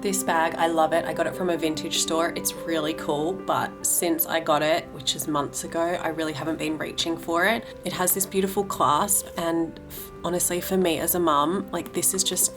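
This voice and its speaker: A young woman, talking casually at home as a lifestyle vlogger, chatty and relaxed, often correcting herself mid-sentence. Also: fairly low pitch, normal speed, over music. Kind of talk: casual vlog talk and voice-over. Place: at home, in a wardrobe room.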